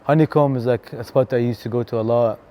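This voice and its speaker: A man from Canada, a DJ talking casually in an interview, relaxed and chatty with lots of fillers. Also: medium pitch, fast, lo-fi sound. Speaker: DJ and venue co-founder, guest.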